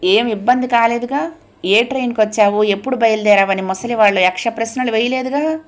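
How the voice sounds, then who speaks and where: A caring old grandmother giving gentle advice, as a woman narrator puts her on. Her voice rises a little above the reader's own and her pace is unhurried and reassuring. It comes from a storybook reading. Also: on the high side, voice pushed up, close to an everyday voice. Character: caring elderly grandmother on the phone.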